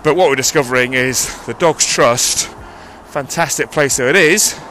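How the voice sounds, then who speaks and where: A man's voice: medium pitch, normal speed, pushed and bright. A man talking through a rambling audio diary while walking by a busy road, holding a cupped handheld mic, out of breath as he goes uphill. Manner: rambling, self-correcting. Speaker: vlogger. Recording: outdoor street recording with traffic. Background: passing traffic.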